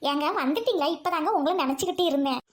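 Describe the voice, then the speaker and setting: A woman voicing a shrill, fast-scolding cartoon housewife. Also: soft background music, natural voice. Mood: sweet. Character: shrill fed-up housewife who fights back. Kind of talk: cartoon voice acting.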